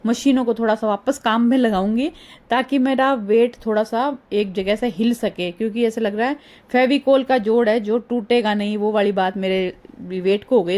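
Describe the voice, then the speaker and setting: A middle-aged woman chatting through a casual vlog voice-over, rambling and homely, her voice a little hoarse. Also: a little high, darkish tone. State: slightly hoarse. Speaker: vlogger. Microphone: phone.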